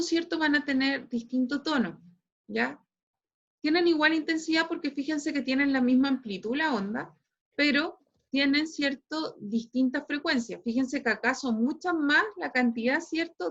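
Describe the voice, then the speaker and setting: A Chilean woman teaches physics over a video call, explaining step by step and checking in with her class after almost every phrase. Her voice sits high, and the computer mic makes it sound dull and lo-fi. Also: moderate pace, fairly bright tone. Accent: Chilean Spanish. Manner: explains patiently, constantly tags phrases with "¿cierto?". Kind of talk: online class lecture.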